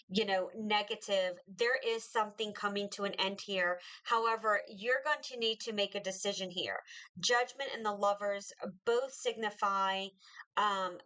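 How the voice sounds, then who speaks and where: A woman's voice: mid-range voice, pushed and bright, clean tone, poor audio. A woman reading tarot cards for viewers in a chatty, reassuring way, with many fillers and restarts. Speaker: tarot reader.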